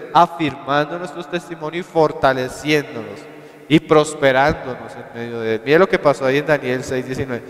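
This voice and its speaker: Man, high voice, Colombian Spanish accent, sermon, slow scripture reading, emphatic, long echo. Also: fairly bright tone. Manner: reads scripture slowly, then explains with emphasis; addresses listeners as brothers with rhetorical questions. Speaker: preacher. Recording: long hall reverb.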